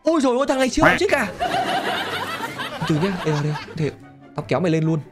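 A man giving excitable gameplay commentary, laughing often and talking straight to his viewers. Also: sits high, racing, over loud music. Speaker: gaming channel host.

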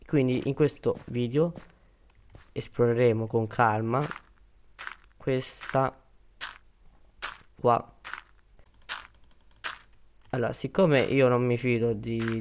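A man's voice: medium pitch, steady tone, slow, pauses often, darkish tone, slight background noise. A young man giving casual gameplay commentary, chatty and prone to panicked repeated pleading. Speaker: gaming video creator.

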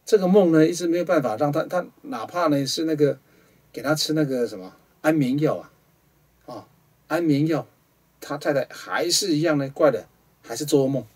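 A man with a Taiwanese Mandarin accent, hosting a studio show and telling a ghost story dramatically, jumping between loud rhetorical questions and hushed asides. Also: on the high side, normal speed, breathy edge, distant mic.

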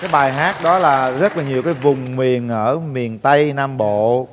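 A man's voice: medium pitch, moderate pace, big-room sound, a crowd in the background, noisy background. A male host of a dating show, guiding the conversation in an easygoing, joking way. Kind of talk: casual TV hosting.

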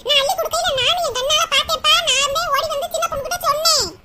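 A woman's voice: very high-pitched, rapid-fire, loud music behind the voice. A woman voicing a gossiping older village neighbour in a cartoon, chattering away. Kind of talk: cartoon voice acting.

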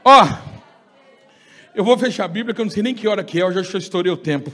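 A Brazilian man preaching at a church congress, his voice pitched very high and cutting bright. He swings between shouted bursts and voicing the people he quotes. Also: animated, fast. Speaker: pastor. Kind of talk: fiery sermon.

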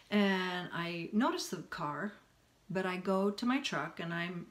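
A middle-aged woman telling a personal story in a candid, animated way, with long run-on sentences. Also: fairly low pitch. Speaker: spiritual healing vlogger.

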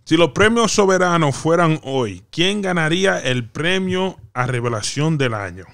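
A man's voice: on the high side, expressive, unhurried, gravelly, fairly bright tone. A man co-hosting a casual podcast, setting up the topic, switching between Spanish and English and finishing his partner's sentences. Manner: leads the segment, interjects and finishes the other's sentences. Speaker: podcast co-host.

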